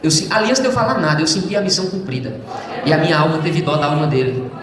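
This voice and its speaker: A man giving an emotional church testimony, speaking fervently to the congregation and swinging between loud and hushed passages. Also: a little high, fast talker, a crowd in the background. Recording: very echoey church hall.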